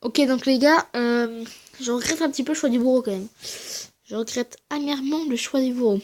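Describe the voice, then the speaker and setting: A woman giving casual, slangy commentary over her own gameplay, talking quietly and then shouting at big wins and losses. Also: high voice, fairly quick. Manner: speaks quietly between outbursts. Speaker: gaming channel host.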